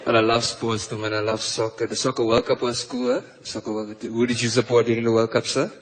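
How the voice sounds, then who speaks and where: A South African man doing a stand-up comedy set, delivering punchlines deadpan and mock-confessional into a stage mic. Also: mid-range voice, quick pace, some chatter behind. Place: comedy stage before a live audience. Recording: live show with clear audience noise.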